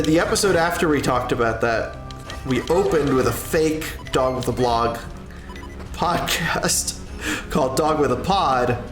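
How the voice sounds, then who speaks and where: A medium-pitched male livestreamer and content creator chats casually while answering a viewer's question, rambling and halting with long pauses and self-corrections. The recording has a roomy echo with music playing underneath.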